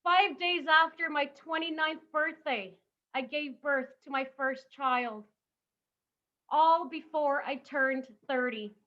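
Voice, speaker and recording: Bright, high-voiced woman giving a motivational talk. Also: slow, dull audio. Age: 30s. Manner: rhetorical questions, emphatic. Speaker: summit speaker.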